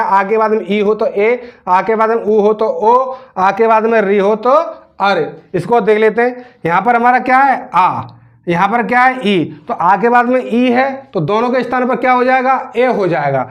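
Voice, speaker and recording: High-voiced man teaching grammar. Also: highs cut off. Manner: asks questions and answers them himself; repeats words slowly while spelling them out. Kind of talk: grammar lesson.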